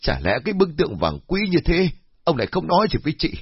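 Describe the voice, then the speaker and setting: A sharp-tongued old village woman scolds and accuses in a high, lively voice, as a male narrator puts her on. The husky voice sits in a dull, lo-fi recording. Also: fast, no room sound, full character voice. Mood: suspicious.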